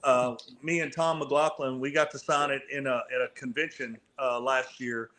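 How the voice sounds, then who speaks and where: A man's voice: medium pitch, fairly even intonation, normal speed, sharp tone. A man from Kentucky, a film guest on a podcast, telling stories in an easygoing, rambling way. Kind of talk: casual chat.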